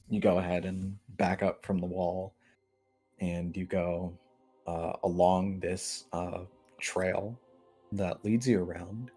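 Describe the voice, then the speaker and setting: Brief: male game master, deep and unhurried, narrates scenes with many fillers. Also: mellow, slightly rough. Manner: measured, with frequent fillers.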